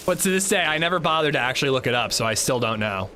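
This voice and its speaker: A man's voice: medium pitch, expressive, quick pace, bright, forceful tone, slight background noise. A male streamer chatting casually with his audience and friends, self-mocking and reading out chat messages. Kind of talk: casual gaming livestream chat.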